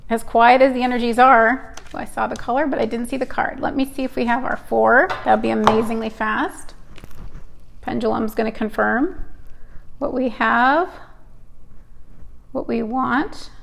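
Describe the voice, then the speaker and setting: A woman's voice: on the high side, vocal fry. A middle-aged woman hosting a casual live-stream card reading, chatty and rambling, often cutting herself off mid-thought. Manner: chatty, rambling, hyper and self-interrupting.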